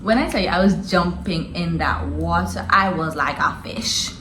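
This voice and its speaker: A woman's voice: fairly low pitch, normal speed, a bit bright, roomy sound, a little hiss or hum, rough recording. A young adult woman telling a story in a casual, slangy way and laughing often as she goes. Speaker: vlogger.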